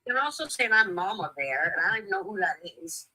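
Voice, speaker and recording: A woman's voice: medium pitch, big pitch swings, quick pace, pushed and bright, rough recording. A woman in casual chat, speaking earnestly and sympathetically.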